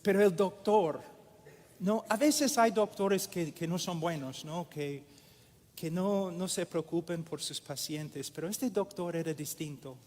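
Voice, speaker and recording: A man preaching a sermon in a slow, deliberate way with many pauses. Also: high voice, a little mellow. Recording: echoey hall with long reverb.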